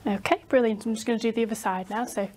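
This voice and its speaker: A young adult woman clinician talks a patient through a physical exam step by step in instructional clinical language. Her voice is on the high side and darkish in tone, steady but fast. Faint background noise is present.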